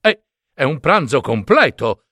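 A man voicing a haughty young princess who talks in a shrill, mocking, imperious way. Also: big pitch swings, a little slow, sharp tone, dry recording, studio quality, heavily acted. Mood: amused. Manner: shrill, scornful, dismissive.

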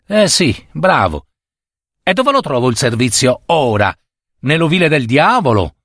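A man reading a story aloud, voicing a sly, toothless old servant who grumbles in a low, muttering voice. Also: very animated, measured pace, fairly bright tone, no echo, clean studio sound, full character voice. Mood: grumbling.

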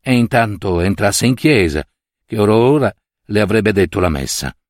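Low, expressive male story narrator. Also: normal speed, no room sound, clean studio sound. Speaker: reader of a short story. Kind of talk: literary audiobook narration.

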